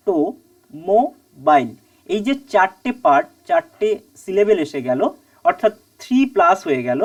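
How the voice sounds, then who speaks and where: A woman teaching an online English grammar lesson, asking and answering her own questions and repeating key words slowly. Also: medium pitch, a little mellow, far from the mic.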